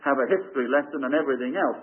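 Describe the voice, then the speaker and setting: A man's voice: mid-range voice, racing. A British man preaching a sermon on the radio, earnest and plain-spoken, acting out doubters' voices in asides. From Great Britain. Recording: narrow phone-like radio broadcast.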